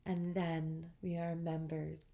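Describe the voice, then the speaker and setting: A female instructor leads a guided meditation in a deep, monotone voice. Her delivery is soothing, gentle, and measured, with long pauses.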